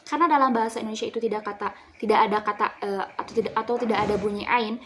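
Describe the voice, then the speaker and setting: A woman's voice: on the high side, steady tone, very fast, noisy background. Woman student presenting with fillers. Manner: explanatory, with fillers and self-corrections. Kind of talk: class presentation.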